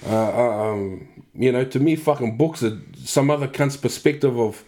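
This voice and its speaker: A man's voice: mid-range voice, moderate pace, mellow. Blunt, sweary middle-aged New Zealand man. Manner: blunt, sweary, punctuated with "you know" and "man". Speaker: interview guest. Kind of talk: casual, candid conversation.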